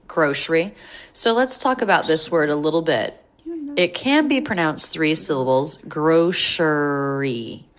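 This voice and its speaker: Woman, low voice, pronunciation teacher, slow careful demos. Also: very animated. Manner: slow, careful repeating of words. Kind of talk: English pronunciation lesson.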